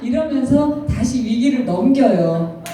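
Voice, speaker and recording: A woman around fifty giving an emotional personal testimony to an audience, talking in an animated way and often laughing as she speaks. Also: high voice, unhurried. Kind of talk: storytelling talk to an audience with slides. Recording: very echoey hall, picked up from a distance, faint noise.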